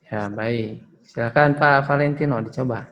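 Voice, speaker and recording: A man's voice: mid-range voice, moderate pace, dull audio. A male Quran recitation teacher explaining letter pronunciation patiently, demonstrating sounds and tagging phrases with "ya". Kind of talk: online Quran pronunciation lesson.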